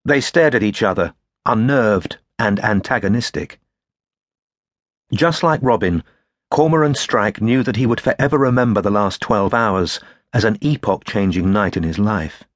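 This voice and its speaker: A man narrating a crime novel audiobook in a measured, steady storytelling manner. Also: fairly low pitch, no echo, studio quality. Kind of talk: scripted narration.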